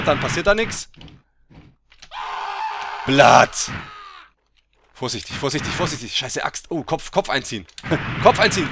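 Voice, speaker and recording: A man giving let's play game commentary, excitable and teasing, who swears and bursts into loud yells. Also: medium pitch, background noise. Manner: mocking, teasing banter.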